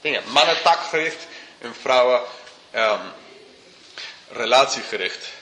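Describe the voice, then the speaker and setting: A man's voice: mid-range voice, animated, measured pace, sharp tone. A man preaching an informal sermon, chuckling often and speaking slightly broken grammar. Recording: roomy hall with faint hum.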